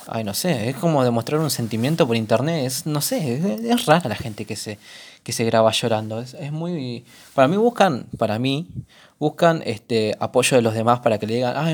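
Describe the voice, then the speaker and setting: A man's voice: medium pitch, animated, moderate pace. A young man with a Rioplatense Spanish accent hosting a solo podcast, chatting casually and rambling as if talking to a friend. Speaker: podcast host.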